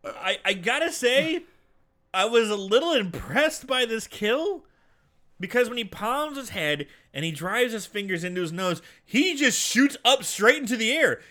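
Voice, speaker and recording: A man's voice: very high-pitched, measured pace. A man co-hosting a podcast, giving blunt, salty, casual comic commentary on a movie. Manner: animated, blunt, salty, uses sound words. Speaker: podcast co-host.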